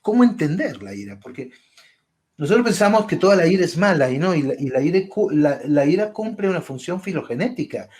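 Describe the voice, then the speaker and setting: Man explaining warmly with examples. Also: on the high side, animated, brisk. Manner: explains with examples and tag questions. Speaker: psychologist and author interviewing a guest. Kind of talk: conversational explanation.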